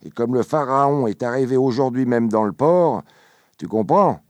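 A man voicing a drunk, loud and jovial tavern friend with a thick, slurred voice. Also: mid-range voice, normal speed, dry recording, voice pushed up, natural voice. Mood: boisterous.

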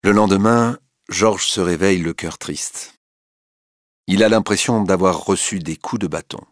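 A man narrating a story in an expressive, dramatic reading style. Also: deep voice, a little slow, no room sound, studio quality.

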